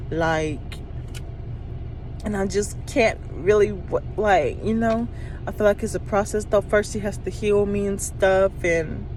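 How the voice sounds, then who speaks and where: A woman in her twenties venting about her personal life in a halting, rambling, earnest way. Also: mid-range voice, a little mellow, a little hiss or hum. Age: 20s. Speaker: vlogger. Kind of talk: emotional personal vent.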